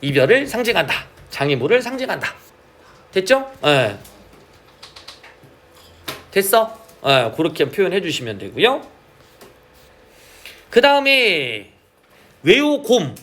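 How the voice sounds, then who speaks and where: Lively high-voiced male teacher. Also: takes it slowly, pauses often. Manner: asks frequent check questions, drawls key terms. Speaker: Korean literature teacher. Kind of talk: classroom lecture.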